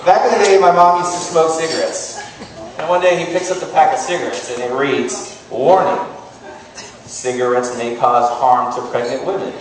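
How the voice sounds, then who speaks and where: A man delivers a casual, joking wedding toast as best man, in a slightly high voice. He is heard away from the mic in a very echoey room, telling comic stories to the guests. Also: normal speed. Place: large room at a wedding reception. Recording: echoey hall, distant mic, noisy crowd. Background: wedding guests and crowd noise.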